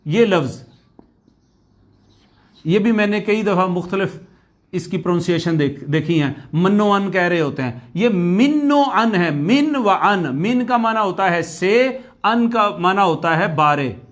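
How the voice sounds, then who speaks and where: A man gives a recorded language lecture. He keeps going back over key words, stretching them out slowly so students can drill them. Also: sits high, expressive, fairly bright tone. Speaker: Arabic language teacher.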